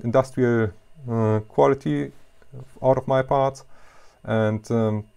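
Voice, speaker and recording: A middle-aged man with a German accent, a non-native English speaker, talking casually and haltingly to camera about his hobby machining in his basement workshop. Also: medium pitch, fairly even intonation, gravelly, dark tone, clear, resonant tone. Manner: halting, many fillers, self-deprecating. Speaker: YouTuber, hobby CNC machinist.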